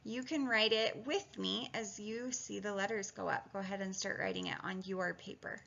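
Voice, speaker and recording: In a video phonics lesson, a reading and spelling teacher talks students through the steps, chatty and encouraging, thinking aloud and sounding out words syllable by syllable. Her mid-range voice is steady, a bit bright and creaky, at a normal speed. The recording has a dull, lo-fi sound.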